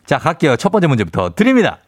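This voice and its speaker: A man's voice: on the high side, wildly swooping pitch, racing. A man hosting a radio call-in quiz segment, bantering playfully with a caller and reading out questions.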